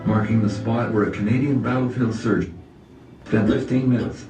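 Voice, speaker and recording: A man reading scripted documentary narration at a measured, even pace. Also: mid-range voice. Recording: distant roomy playback over loud music. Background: loud music.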